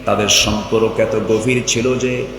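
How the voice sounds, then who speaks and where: A man's voice: fairly low pitch, little pitch movement, measured pace. A man preaching a sermon, telling a story in fervent, surging declamation and calling out to the crowd. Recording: echoey PA in a large hall with long reverb and faint noise.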